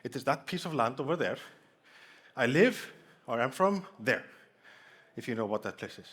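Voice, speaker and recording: Speaking at a moderate pace, a man delivers a jokey conference talk on a hall stage and plays off the audience. He is from Iceland and has an Icelandic accent, and his mid-range voice swings widely in pitch, sounding a bit bright with some breathiness.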